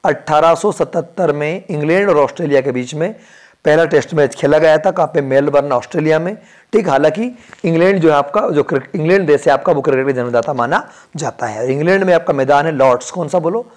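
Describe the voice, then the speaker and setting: A male teacher giving an exam-prep lesson indoors, asking quiz questions and answering them himself, repeating key facts and checking that they are clear. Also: a little high, fast, darkish tone. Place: indoor room where he films.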